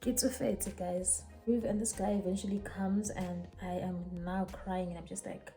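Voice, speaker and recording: A young woman with a South African accent tells her story in an animated, dramatic way. Her voice has a mellow, warm tone. Faint music plays in the background. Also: mid-range voice, moderate pace. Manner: animated, code-switching, dramatic retelling. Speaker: vlogger. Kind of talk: casual storytime while getting ready.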